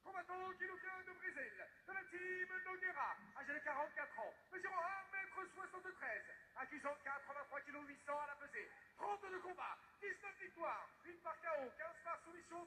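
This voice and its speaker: A male fight ring announcer with a very high, forceful voice rings out through a reverberant hall. He declaims each introduction emphatically and stretches out the names. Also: moderate pace, hardly any pauses. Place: large indoor arena on a PA system. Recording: echoey hall, long reverb, some noise.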